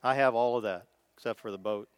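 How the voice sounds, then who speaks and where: This preacher speaks fairly quickly in a clear, resonant, medium-pitched voice with no room sound. He has a Midwestern American accent, and his sermon is folksy and informal, thought out aloud with small restarts.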